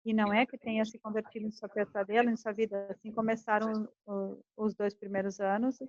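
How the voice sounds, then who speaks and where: A woman's voice: medium pitch, brisk, no echo, highs cut off. Woman coaching. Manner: animated, acts out quoted couples' arguments. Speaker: communication coach. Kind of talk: lecture to a class.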